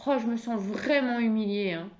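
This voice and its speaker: A woman's voice: lowish voice, lively intonation, fast talker, vocal fry, a little mellow, lo-fi sound. A woman playing an angry wife who raises her voice in heated, indignant outbursts. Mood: upset. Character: furious wife whose evening plans fell through.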